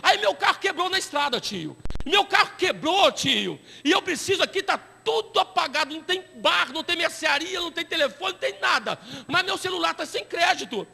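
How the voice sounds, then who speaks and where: A man's voice: very high-pitched, lively intonation, brisk, creaky, sharp tone, in a large hall, pitched above the performer's own voice, full character voice. A man voicing a young male prisoner who coaxes money out of the listener by posing as his nephew. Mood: wheedling. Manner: coaxing, pleading, then tearful and remorseful.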